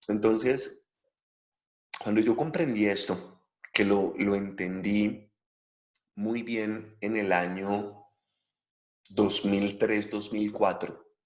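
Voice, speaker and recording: A man's voice: on the low side, fairly even intonation, slow pace, pauses often. A middle-aged man from Latin America giving a lecture-style spiritual talk, emphatic and repeating phrases for stress. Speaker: spiritual teacher.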